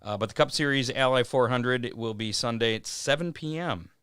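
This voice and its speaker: A man hosting a racing show, reading event schedules in a casual way with many "uh" pauses. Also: mid-range voice, fairly bright tone, clear, resonant tone, no echo, clean studio sound. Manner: reads schedules with frequent "uh" pauses. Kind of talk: casual racing news rundown.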